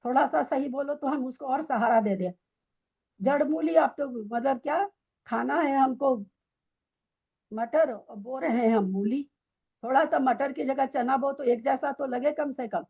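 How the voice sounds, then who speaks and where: A woman's voice: high-pitched, unhurried, slightly rough, phone-quality sound. A woman teaching a scripture study class, quizzing and scolding her students with pointed questions.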